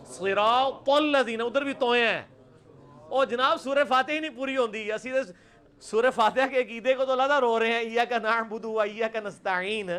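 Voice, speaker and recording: A middle-aged man with a Punjabi accent teaching Quranic pronunciation in a live class, repeating each sound loudly and slowly for students to copy and then calling on them by name. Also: very high-pitched. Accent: Punjabi-accented Urdu.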